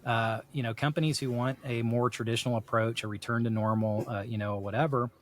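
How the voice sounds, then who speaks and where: A middle-aged South Texan on a podcast speaks in a mid-range voice, steady in tone and fairly quick, with slight background noise. The talk is casual and rambling, reflective and peppered with "you know."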